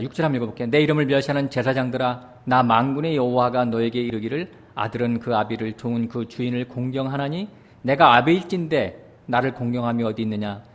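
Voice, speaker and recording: Animated Korean-speaking male pastor preaching. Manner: animated preaching, voicing God's words with sudden rises in pitch and loudness; often checks with the congregation using short asides. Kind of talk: sermon.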